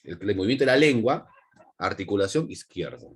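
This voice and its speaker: A man with a Peruvian accent teaching an online class, repeating key points and checking in with quick tags. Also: on the low side, big pitch swings, breathy edge. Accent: Peruvian Spanish. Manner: repetitive, with frequent check-in tags.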